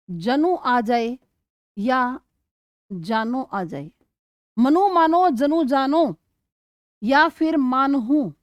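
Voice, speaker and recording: A woman with a high voice teaches an exam-prep grammar lesson at an unhurried pace. She keeps asking questions and answering them herself, and she sounds out words slowly to show their stress. The recording is close and dry. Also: no room sound.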